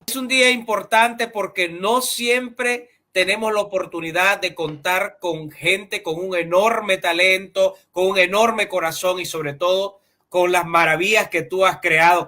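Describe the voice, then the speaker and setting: A male interview host with a high, bright voice who speaks slowly. He frames his questions in a measured, formal way. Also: fairly even intonation. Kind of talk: interview hosting.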